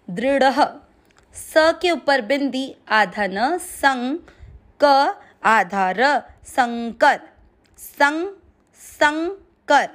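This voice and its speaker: A Sanskrit pronunciation teacher leads a slow, step-by-step recitation lesson, taking a verse one syllable at a time. Her voice sits a little high, and she speaks very slowly and patiently, drawing out the long vowels as she recites.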